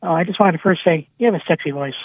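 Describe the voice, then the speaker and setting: A woman's voice: fairly low pitch, very fast, no echo. A woman from Michigan calling in to a radio show, speaking in a blunt, chatty way over the phone. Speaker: caller. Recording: tinny phone line.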